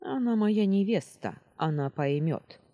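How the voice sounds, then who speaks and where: A woman's voice: medium pitch, animated, measured pace, lo-fi sound, voice pushed up. A woman voicing a young male castle lord in an audiobook, offhand and unapologetic. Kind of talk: audiobook character reading.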